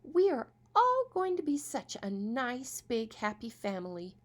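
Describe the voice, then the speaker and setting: Casting: a woman doing a bright, bustling pioneer stepmother, warmly bossy, voice leaping around. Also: on the low side, very animated, measured pace. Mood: tender. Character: cheery bustling stepmother, kind but firm. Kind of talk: storybook reading.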